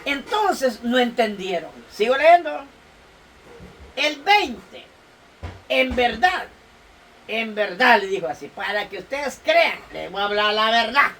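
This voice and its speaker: A woman's voice: a little high, big pitch swings, a little slow, a bit bright. A woman preaching an emotional sermon, reading scripture aloud with tearful sighs and fervent exclamations. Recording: distant mic with faint room noise.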